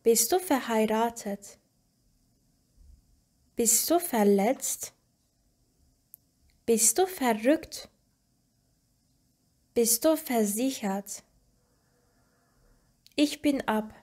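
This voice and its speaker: A woman reading short example sentences one by one for a language lesson, slowly and deliberately with pauses. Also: fairly high pitch, expressive, dark tone. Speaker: language teacher.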